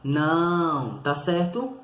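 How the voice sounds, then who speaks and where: Slow, patient man teaching children. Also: on the high side, very animated, a bit bright, reverberant. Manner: patient, repeats each sound slowly and clearly for young pupils. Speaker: primary school teacher. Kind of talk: recorded online lesson for children.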